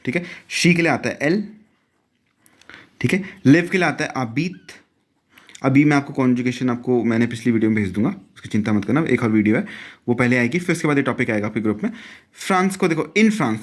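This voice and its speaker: A young man, teaching French step by step and mixing in English phrases. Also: medium pitch. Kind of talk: explaining a lesson.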